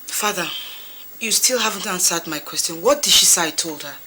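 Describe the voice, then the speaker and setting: An actress with a Nigerian accent playing a headstrong young woman demanding to marry, defiant and sharp. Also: on the low side, animated, fairly quick, slight background noise, poor audio. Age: young adult. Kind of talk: film drama acting. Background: film score music.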